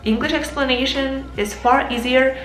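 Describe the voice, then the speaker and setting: With a voice that sits high and stays steady at normal speed, a young woman, Ukrainian by first language, gives sincere English-learning advice to camera as a teacher and vlogger. She refers to her viewers as "guys," and the room echoes, with faint music in the background.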